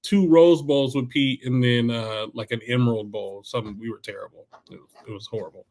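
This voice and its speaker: A male podcast guest from the Bay Area tells stories in a relaxed, easygoing way and acts out the coaches he quotes. His voice sits in an ordinary middle pitch. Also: brisk. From Bay Area, California. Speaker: guest, former football player and high school coach. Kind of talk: casual interview storytelling.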